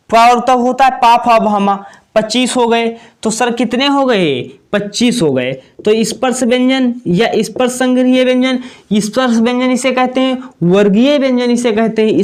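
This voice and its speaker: A man teaching an exam-prep lesson at a whiteboard, asking questions and answering them himself, repeating key points. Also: very high-pitched. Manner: repetitive, asks and answers own questions.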